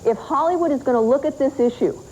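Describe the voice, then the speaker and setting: A woman argues her point firmly in a talk show panel debate, pressing on through interruptions. Her mellow, warm voice comes through a dull, lo-fi worn VHS tape copy. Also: sits high, fast, a little hiss or hum. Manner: assertive, argumentative. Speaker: advocacy group leader on a talk show panel.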